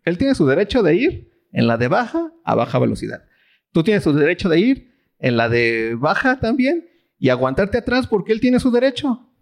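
Mexican man leading a bible study, lively swooping voice, fairly high pitch, asks questions. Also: normal speed, vocal fry. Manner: asks questions and lets the audience fill in. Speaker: pastor teaching a Bible study. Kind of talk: sermon.

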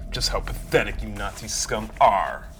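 A man's voice: on the low side, normal speed, music in the background, natural voice. A man voicing a defiant, all-American soldier hero who answers his captor with sarcasm.

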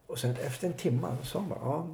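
A man telling his life story in an interview, halting and reflective with many pauses. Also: a little high, vocal fry, dark tone. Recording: echoey room with faint noise.

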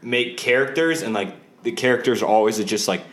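A man's voice: medium pitch, brisk. A man in his twenties co-hosting a podcast, rambling casually, swearing often and repeating himself. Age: 20s. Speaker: podcast co-host.

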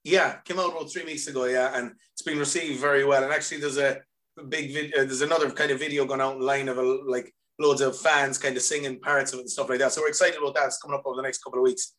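A man's voice: medium pitch, fairly even intonation, quick pace, fairly bright tone. A man with a west of Ireland accent chatting casually in an upbeat, rambling way as a musician guest. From County Mayo, west of Ireland. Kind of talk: casual chat. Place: remote video call.

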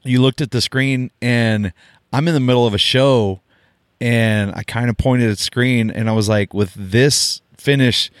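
A man's voice: medium pitch, steady tone, moderate pace, clean tone, dry recording, clean studio sound. A man hosting an interview, asking earnest, probing questions and often restarting his sentences. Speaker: interviewer, broadcaster. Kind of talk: conversational interview.

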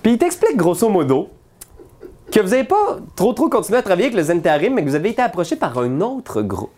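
A man with a Quebec French accent runs the tabletop game in a relaxed, chatty voice. His pitch moves a lot, and he narrates casually, full of fillers. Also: fast talker. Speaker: game master.

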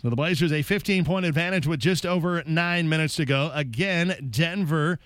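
A man's voice: a little high, moderate pace, a bit bright. A man hosting a sports broadcast, narrating a recap of a game. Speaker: sports radio host.

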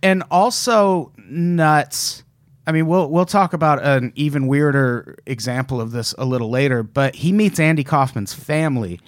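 A man's voice: on the high side, moderate pace, no echo, studio quality. A man co-hosting a casual podcast chat, telling a story with lots of swearing and quoting people in passing voices. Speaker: podcast co-host.

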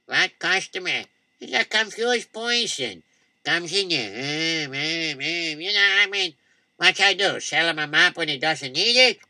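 A man voicing an excitable, defensive male shopkeeper who stumbles and repeats himself. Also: a little high, measured pace, no echo, heavily acted.

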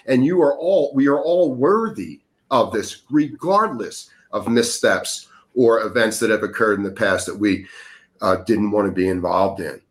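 A man's voice: on the low side, unhurried. A man speaking earnestly in a casual podcast conversation, coaching listeners on breathing, sometimes growing emphatic. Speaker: breathwork guest.

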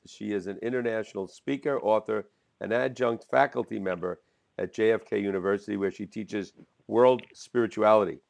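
Man hosting, courteous halting intro. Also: on the low side, gravelly, a little mellow. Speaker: host. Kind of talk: show introduction.

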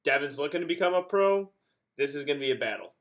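A man with a slightly raised pitch talks emphatically as a podcast co-host. He sounds enthusiastic about the competition. The tone is casual sports chat. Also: animated, quick pace, a bit bright.

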